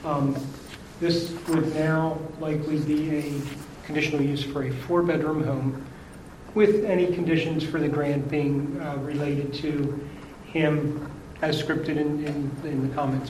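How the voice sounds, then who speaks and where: A man, a township zoning official, giving a measured, procedural report at a public hearing. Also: on the high side, darkish tone. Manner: measured, procedural, some restarts. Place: township meeting room. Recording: echoey meeting room, faint hum.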